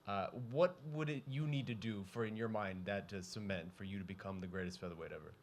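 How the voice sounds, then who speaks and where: Fast-talking low-voiced male reporter. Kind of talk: spoken interview questions. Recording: some room noise behind.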